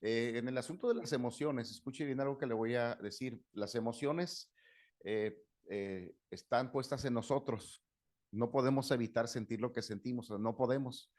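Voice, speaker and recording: A man's voice: mid-range voice, normal speed, a little mellow. Middle-aged man lecturing conversationally. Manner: conversational, acts out quoted dialogue, asks "¿no?" often. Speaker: psychologist giving a talk on anger. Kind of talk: lecture with anecdotes.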